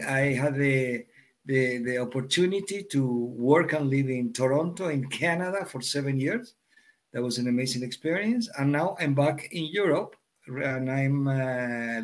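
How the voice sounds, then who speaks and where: A man from Argentina, a guest answering interview questions in a halting way and often repeating words. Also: mid-range voice. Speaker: guest, executive coach.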